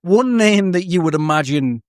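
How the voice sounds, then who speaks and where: A man's voice: high voice, animated, moderate pace, no echo, studio quality. A man hosting a podcast, narrating a true story with chatty, jokey asides that often break off mid-thought. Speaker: podcast host.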